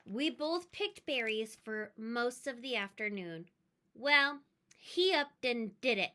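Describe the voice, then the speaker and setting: A woman reading a children's story aloud in an expressive, emphatic way, with chatty asides. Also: a little high, slow.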